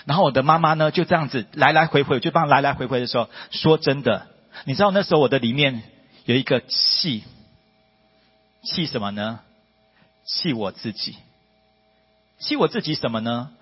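A man's voice: moderate pace, long pauses, husky, soft background music. Emphatic male preacher in an echoing hall. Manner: emphatic, rhetorical questions, rising to high excited peaks. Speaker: preacher giving testimony. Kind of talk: sermon testimony. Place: church hall. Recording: dull lo-fi audio with long hall reverb.

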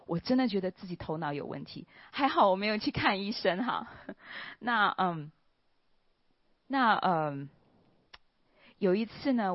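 A woman's voice: medium pitch, dry recording. Earnest woman sharing a testimony. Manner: earnest, with soft pauses and a trailing "ha" particle. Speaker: church member giving testimony. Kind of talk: personal testimony. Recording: dull, slightly lo-fi, dry recording.

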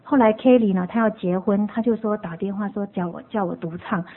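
A woman's voice: mid-range voice, fairly quick. A woman giving an earnest, emotional personal testimony in church, mixing stories with laughter. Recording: tinny phone-like sound.

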